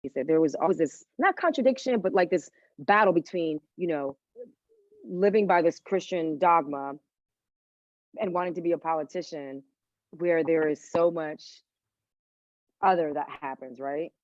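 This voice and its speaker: A woman's voice: low-pitched, moderate pace, a little mellow, no room sound, highs cut off. A woman who grew up in Washington, D.C., a guest chef telling her story in a chatty interview and dropping in Spanish phrases. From Washington, D.C., United States. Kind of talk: casual interview conversation.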